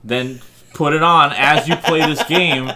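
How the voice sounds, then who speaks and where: A man's voice: fairly high pitch, unhurried, bright, forceful tone, slight background noise. A young man co-hosting a podcast in casual chat, blunt and argumentative, swearing freely. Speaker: podcast co-host.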